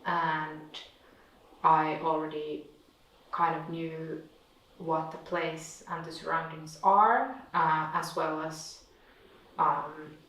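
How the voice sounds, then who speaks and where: A woman, an artist talking thoughtfully and pausing often to find her words, recorded from a distance in an echoey room. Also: deep voice, a bit bright. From Finland. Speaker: visiting artist. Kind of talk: reflective conversation.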